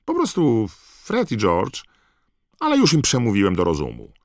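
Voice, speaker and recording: A man voicing an angry middle-aged wizard father who shouts and scolds his sons. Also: mid-range voice, huge pitch swings, moderate pace, vocal fry, no echo, clean studio sound, voice pushed up. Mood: flustered.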